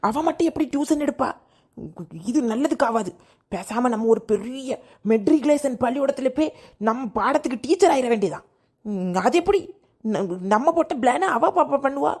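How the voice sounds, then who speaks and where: A woman voicing a greedy, boastful cartoon aunt who schemes out loud. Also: high-pitched, breathy edge, full character voice. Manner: bragging, scheming monologue. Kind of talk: cartoon voice acting.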